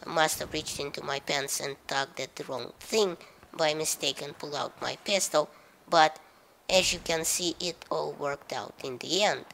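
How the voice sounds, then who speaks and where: A low, gravelly woman's voice with a Russian accent narrates gameplay commentary. She talks in a dry, sarcastic way, pausing often with filler sounds. Her delivery is hesitant. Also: a bit bright, a little hiss or hum, poor audio. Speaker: gaming commentator.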